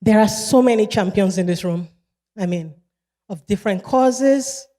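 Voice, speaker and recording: Delivering a motivational keynote in a big event hall, a Nigerian-accented woman speaks at a medium pitch, measured and deliberate, repeating key phrases for emphasis. Her voice is warm and mellow, fading into long reverb.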